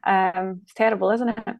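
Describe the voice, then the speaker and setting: A Scottish woman speaking slowly in a low, gravelly voice as she talks through her design work. She chats casually and thinks aloud. The sound is dry and close. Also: darkish tone, dry recording. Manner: chatty, thinking aloud while working. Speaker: designer guest. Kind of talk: casual live-stream demo.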